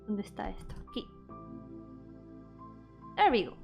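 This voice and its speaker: This VTuber art streamer and game developer speaks with a medium-pitched, sing-song voice that's creaky and a little mellow, at a moderate pace. Drawing on her livestream, she chats casually in English and Spanish, musing aloud with playful self-deprecation over background music.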